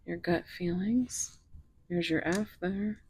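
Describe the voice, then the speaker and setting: A woman with a lowish, slightly mellow, husky voice gives a casual tarot reading. Speaking slowly, she muses aloud and slips into whispers as she lays out and pulls the cards.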